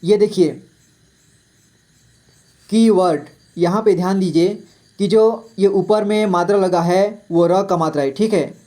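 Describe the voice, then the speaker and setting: A man teaches a beginner's reading lesson in a slow, deliberate voice. He pronounces every word twice and stops to explain each spelling. His tone is mellow and soft, pitched fairly high for a man. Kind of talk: Hindi reading lesson for children.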